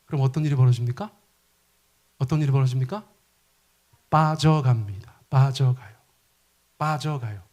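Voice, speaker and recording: Dramatic preaching man, slightly high voice. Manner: dramatic, asks the congregation questions and acts out quoted lines. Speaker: pastor. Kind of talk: sermon.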